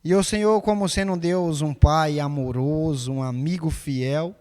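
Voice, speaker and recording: A man's voice: fairly high pitch, moderate pace, dark tone, smooth, in a large hall. A man leading an earnest, solemn spoken prayer. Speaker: prayer leader.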